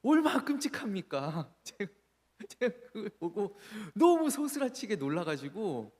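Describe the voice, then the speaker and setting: A male pastor preaching in a church sanctuary, his fairly high voice rising and falling in a very lively way as he tells stories and acts out what people said. The sound rings with long reverb from the hall. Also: unhurried. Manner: animated storytelling, acting out quoted voices. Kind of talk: sermon.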